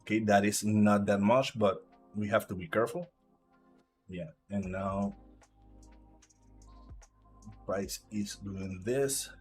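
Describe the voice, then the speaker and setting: A man from Puerto Rico with a Puerto Rican Spanish accent and Spanish as his first language, giving halting live trading commentary while he reads the chart aloud. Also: on the low side, fairly even intonation, darkish tone, faint music behind. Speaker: live trader.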